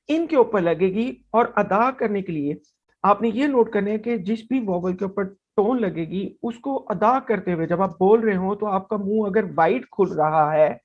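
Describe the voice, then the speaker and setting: A male teacher working through a language lesson at an unhurried, deliberate pace. He explains patiently and sounds out each vowel slowly, one after another. The recording is a little dull and lo-fi. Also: sits high.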